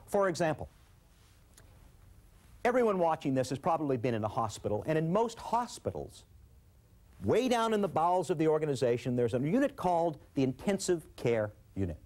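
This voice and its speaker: A man teaching a management course, lecturing and telling stories in an animated way. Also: a little high, fairly quick. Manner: animated storyteller. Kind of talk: scripted lecture with storytelling.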